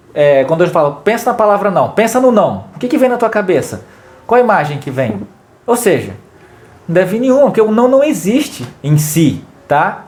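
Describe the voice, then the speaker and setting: A man's voice: a little high, darkish tone. Man explaining with emphatic repetition. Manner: explanatory, repeats key words for emphasis. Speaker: co-host giving family advice. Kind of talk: casual talk to viewers.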